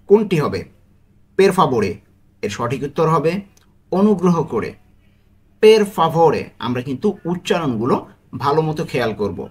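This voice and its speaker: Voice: mid-range voice, husky. A language teacher running a vocabulary quiz, repeating each word and answer and checking in with listeners. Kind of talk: quiz-style language lesson.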